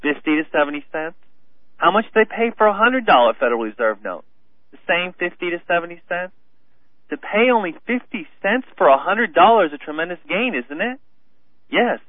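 A man calling in over the phone to a radio talk show, speaking haltingly and reading a transcript aloud. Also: sits high, big pitch swings. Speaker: caller. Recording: tinny phone line, dry.

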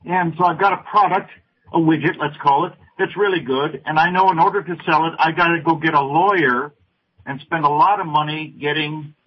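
A man in his sixties phones in to a talk show over a speakerphone, so his voice comes through muffled and low-fidelity. His tone is husky and a little higher than most men's. He talks haltingly and stops often to search for the right word. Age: 60s. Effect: speakerphone call over an internet line. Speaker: radio show caller. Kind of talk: call-in conversation.

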